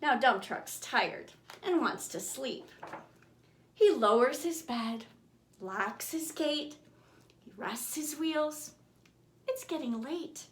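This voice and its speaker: Reading her own picture book, a woman tells a children's bedtime story in a high, lively voice, very slowly and theatrically, shaping each rhyme with care. She plays with dynamics, moving from booming to hushed whispers, and the room sounds roomy and echoing.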